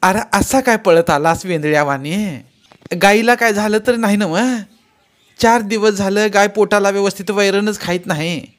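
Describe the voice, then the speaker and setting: A man voicing an old village mother-in-law with a rural Marathi accent, scolding and doting in a high, loud voice. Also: a little slow, long pauses, natural voice. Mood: fussing.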